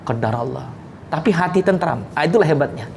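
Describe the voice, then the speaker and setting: A male preacher telling a story in a sermon, turning to his listeners and often rising high and loud at its peaks. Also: animated, a little fast, vocal fry, slight background noise. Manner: addresses listeners directly, with frequent asides.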